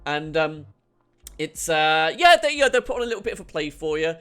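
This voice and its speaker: A man's voice: on the high side, moderate pace, bright, forceful tone, smooth. A man giving chatty, wry advice in a casual talk. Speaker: host.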